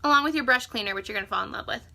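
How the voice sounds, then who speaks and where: A young woman vlogs a makeup tutorial from home in a slightly high, gravelly voice that sounds pushed and bright, speaking rapid-fire. Her manner is chatty and joking, and "like" pops up all the time.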